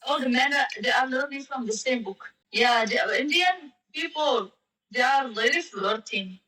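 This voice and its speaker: A woman's voice: sits high, normal speed, sharp tone, recorded from a distance. A woman chatting casually on a live-stream app, speaking in a playful, teasing manner. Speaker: language exchange chat partner. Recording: echoey and off-mic.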